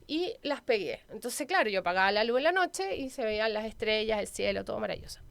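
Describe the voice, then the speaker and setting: A woman's voice: fairly high pitch, sing-song, fast, vocal fry, no echo. A woman in her forties from Venezuela with a Chilean accent, chatting as a guest and telling personal stories. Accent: Chilean Spanish. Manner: warm storytelling, chatty. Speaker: guest, local councilwoman. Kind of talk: casual interview chat.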